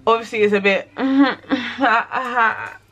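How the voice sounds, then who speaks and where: A woman's voice: on the high side, a little slow, fairly bright tone, dull audio, soft background music. A young woman with a London accent chatting casually in a vlog, slangy and swearing freely. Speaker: vlogger. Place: home kitchen.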